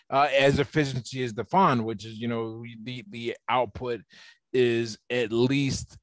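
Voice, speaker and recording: A man's voice: mid-range voice, dry recording. Casual explaining man, dry sound. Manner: explains ideas at length, casual. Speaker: podcast guest. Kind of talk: casual conversational interview.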